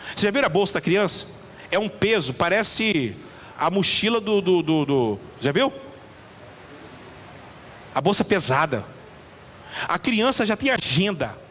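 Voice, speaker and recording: A man preaching a lively sermon to a congregation, asking questions and acting out little voices. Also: sits high, measured pace, long pauses, slight background noise. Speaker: pastor. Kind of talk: lively sermon with audience interaction. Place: church hall. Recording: reverberant church hall, faint ambience.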